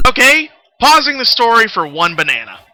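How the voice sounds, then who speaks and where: With an extremely high, sing-song voice and a sharp tone, a man chats through stories at a moderate pace while gaming on stream. He rambles absent-mindedly and keeps losing track of what he was saying. The recording is dry, and music runs in the background.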